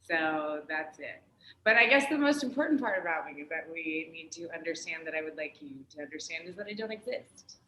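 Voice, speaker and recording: A woman's voice: deep voice, lively intonation, fairly quick, sharp tone. A woman from California, a spiritual guest speaking bluntly and swearing casually. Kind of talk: casual chat. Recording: echoey room with faint noise.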